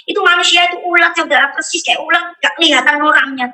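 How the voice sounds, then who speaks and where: Bright high-voiced woman giving testimony. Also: steady tone, quick pace, low-quality recording. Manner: vivid storytelling, often addressing listeners as brothers and sisters. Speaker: testimony speaker. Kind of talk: religious testimony to a congregation.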